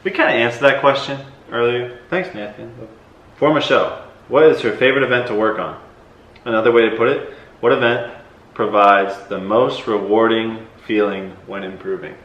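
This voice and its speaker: Here a young male vlogger who also competes in the decathlon answers questions casually, hesitating and leaning heavily on fillers. He speaks at a moderate pace in a mid-range, fairly bright voice, though the highs are cut off. Faint noise and echo color the audio.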